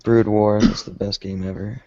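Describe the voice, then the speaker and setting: A man with a fairly low voice chats casually with friends. The recording is dry and slightly dull, like a lo-fi online voice chat. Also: flat delivery, moderate pace, warm tone, no echo.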